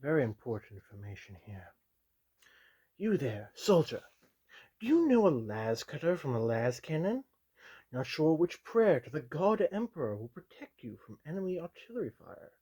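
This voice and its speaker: A man voicing a stern, loyal commissar who reads a military handbook aloud in whispered role-play, measured and officious with dry asides. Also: fairly high pitch, big pitch swings, dark tone, slightly rough.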